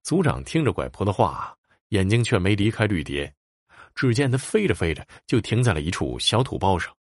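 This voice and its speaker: A man narrating a ghost story in a swooping, animated storytelling manner. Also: fairly low pitch, normal speed, no room sound, studio quality.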